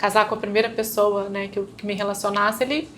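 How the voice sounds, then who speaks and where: A woman's voice: mid-range voice, fairly even intonation, fast, fairly bright tone, slight background noise. A woman with a Brazilian Portuguese accent, a guest telling her own story in casual chat and acting out remembered conversations. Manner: storytelling, acting out remembered dialogue, frequent tag questions. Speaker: interview guest. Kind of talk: personal testimony in casual chat.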